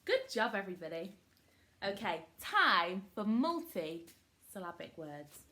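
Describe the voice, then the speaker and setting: A woman's voice: on the low side, a little slow, a bit bright. A woman teaching a children's phonics lesson, giving short prompts, modelling words syllable by syllable and praising often. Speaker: primary school teacher.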